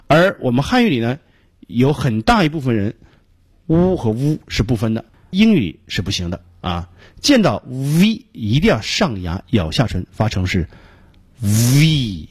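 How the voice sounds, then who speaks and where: A middle-aged man with a Beijing Mandarin accent gives a radio pronunciation lesson, explaining slowly and repeating each sound he demonstrates. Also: medium pitch, huge pitch swings, breathy edge, dry recording. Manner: frequent filler particles between phrases. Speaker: English pronunciation teacher.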